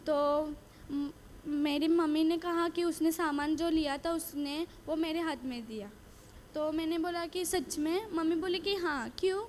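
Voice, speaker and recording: A woman with a high, light voice shares a personal faith testimony. She tells it earnestly, doubling back on phrases and voicing each exchange of dialogue as she goes. A faint hiss of noise sits under her voice. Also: steady tone, measured pace. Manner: earnest storytelling, repeating phrases and quoting dialogue. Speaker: retreat speaker giving testimony.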